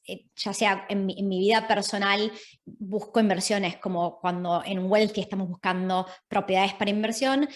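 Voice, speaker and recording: A woman with an Argentine accent, a guest in a podcast interview, explaining her points in a clear, methodical way and checking in with her listener. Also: medium pitch. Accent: Argentine Spanish. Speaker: guest, property investment specialist.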